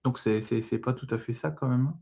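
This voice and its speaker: A man's voice: medium pitch, fairly quick, vocal fry, mellow. A man co-hosting a card reading livestream, chatting casually, playful and self-mocking, swearing lightly and trailing off with fillers. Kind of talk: casual joking chat.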